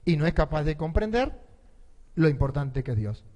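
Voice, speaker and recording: A priest delivers a sermon in a fairly high voice. He tells stories and throws rhetorical questions at his listeners. A long reverb trails after his words. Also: sing-song, normal speed, darkish tone. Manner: storytelling preacher, rhetorical questions to the congregation.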